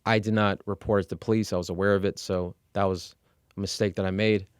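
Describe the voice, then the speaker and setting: A middle-aged man from Iran, working as an executive coach, telling his life story as a guest in a candid, measured way, with fillers and restarts. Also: deep voice, flat delivery, clear, resonant tone, dry recording, studio quality. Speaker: interview guest.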